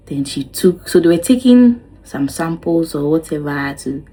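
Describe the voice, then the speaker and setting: A woman's voice: low voice, lively intonation, normal speed, mellow, poor audio. A young woman telling her own story to camera, dramatic and exclaiming, acting out what each person said. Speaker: vlogger.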